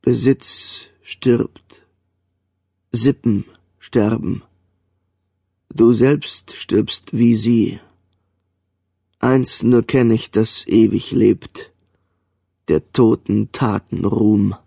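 Brief: male reader doing a hard-faced older commander, dark voice, dry sound, barking then grave and slow. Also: fairly low pitch, fairly even intonation, vocal fry, husky, dry recording, full character voice. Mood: slow recitation. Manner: barks commands, then slow solemn speech.

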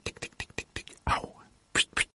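A man voicing a tiny mouse in breathy whispered ticks, yelps and puffs. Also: bright, forceful tone. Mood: pained. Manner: whispered, breathy ticking and puffing. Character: tiny mouse burning its paws on a heater.

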